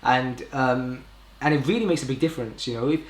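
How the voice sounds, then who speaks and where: A young British man speaks a little fast at medium pitch while hosting a casual live stream. He rambles informally and corrects himself often, and the recording has a roomy indoor echo.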